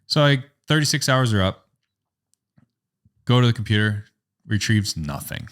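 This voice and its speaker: A man's voice: on the low side, moderate pace. Young man telling a story, full of "like". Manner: animated, rambling, heavy use of "like", acts out quotes. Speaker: photographer and business owner, podcast guest. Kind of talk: casual storytelling in a podcast interview.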